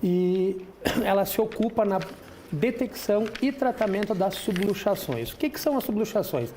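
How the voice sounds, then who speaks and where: A middle-aged chiropractor from Rio Grande do Sul, Brazil, appears as a guest on a TV talk show in a studio, patiently explaining his answers with frequent restarts and many "né" tags in a didactic manner. His high-pitched voice is animated, with a moderate pace and a darkish tone. A little hiss or hum is present.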